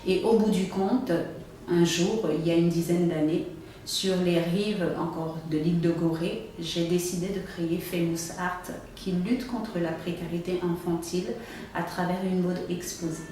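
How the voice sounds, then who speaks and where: A woman from Cameroon, an event organizer, answering interview questions in a measured, explanatory way. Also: fairly low pitch, steady tone, dark tone. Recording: echoey room, far from mic, faint noise.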